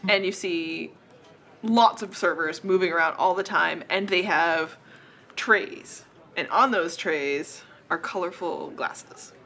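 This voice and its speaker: A woman narrating a tabletop game as game master, chatty and laughing, pausing on fillers. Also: lowish voice, a bit bright.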